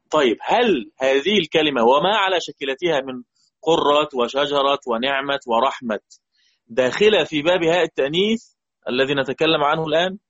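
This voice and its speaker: A man's somewhat bright, highish voice comes through with lo-fi sound. Speaking with an Egyptian Arabic accent, he gives an explanatory lesson on Quran recitation, asking his students questions and patiently restating key points.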